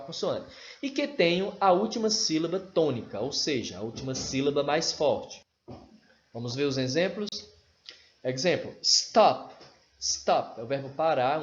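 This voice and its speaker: A man teaching an English grammar lesson, patiently repeating examples and spelling out letters. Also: fairly high pitch. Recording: roomy, dull lo-fi with faint noise.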